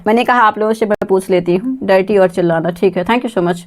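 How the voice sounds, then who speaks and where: A woman's voice: mid-range voice, brisk. A woman teaching a live online exam-prep English lesson, calling on students by name, spelling words letter by letter and laughing often. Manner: reads chat names, asks class for answers, laughs often.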